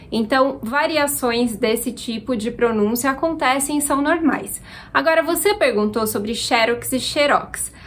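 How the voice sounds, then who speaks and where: Brazilian lady from minas teaching grammar, high voice, clear and patient. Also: fairly bright tone. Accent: Brazilian Portuguese, Minas Gerais. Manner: clear, explanatory, reads out questions. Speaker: Portuguese teacher. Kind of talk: grammar lesson answering viewer questions.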